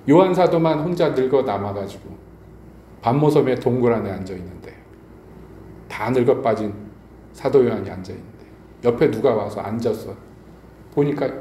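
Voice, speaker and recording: Mellow-voiced preacher in an echoey church. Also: male voice, medium pitch. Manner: storytelling preacher, appeals to the congregation with rhetorical questions. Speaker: pastor. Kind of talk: evening sermon. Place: church sanctuary. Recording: echoey church hall, faint background noise.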